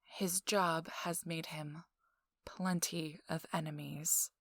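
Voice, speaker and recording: Heavily acted and recorded without echo, this low, steady female voice belongs to a confident young socialite in an intimate ASMR roleplay. She is wry and confiding, teasing slowly with dry sarcasm and sometimes slipping into whispers.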